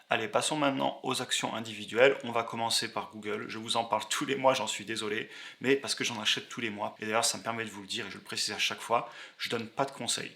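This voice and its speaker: Male host, 30s, low-ish voice with a bright edge, fast and chatty, uses fillers. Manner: brisk, frequent "euh" fillers, conversational. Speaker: investing channel host. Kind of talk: casual explainer talking over screen charts.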